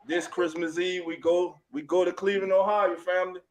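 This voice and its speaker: A man's voice: high voice, level tone, a little fast, a little hiss or hum. A man hosting a sports livestream, laid-back and laughing as he chats with guests. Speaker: livestream host. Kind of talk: casual chat.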